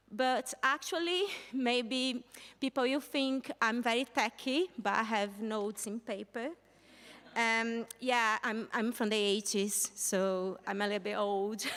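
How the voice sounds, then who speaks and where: A Brazilian woman in her thirties, a native Portuguese speaker with a Brazilian accent, tells her story live to an audience as a guest speaker. Her voice is high and fairly bright, she's chatty and laughs between lines, and the stage recording carries a long hall reverb.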